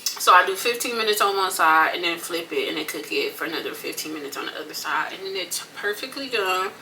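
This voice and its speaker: A woman's voice: fairly low pitch, animated, fairly quick, pushed and bright, distant mic, a little hiss or hum. An American woman talks casually and colloquially in a mukbang, eating crunchy fried chicken between and during her phrases. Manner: folksy, colloquial, repeats phrases for emphasis. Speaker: mukbang vlogger.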